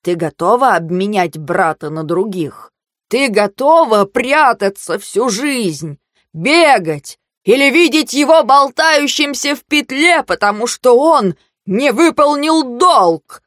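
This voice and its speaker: A woman voicing a stern old male mentor who lectures and shouts in anger. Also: lowish voice, measured pace, no room sound, clean studio sound. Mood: shouting.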